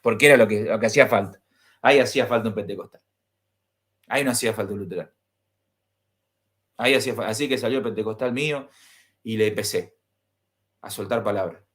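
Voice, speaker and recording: A man with an Argentine accent speaks as a pastor recounting an experience of his own. His delivery is animated, and he acts out each exchange. He keeps turning to his listeners with questions. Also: on the low side, fast talker, long pauses. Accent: Argentine Spanish. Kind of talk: personal storytelling to an audience.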